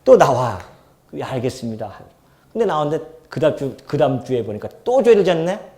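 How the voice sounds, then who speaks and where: A man preaching an expository sermon as a pastor in a church, animated, swinging between loud emphasis and soft asides, and often asking the congregation questions. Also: a little high, brisk. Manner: asks the congregation questions and acts out quoted speech.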